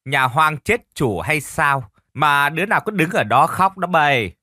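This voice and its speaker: A man's voice: fairly low pitch, big pitch swings, brisk, fairly bright tone, no echo, studio quality. A man voicing a harsh, bossy older aunt who scolds and mocks her niece in a told story. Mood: cold.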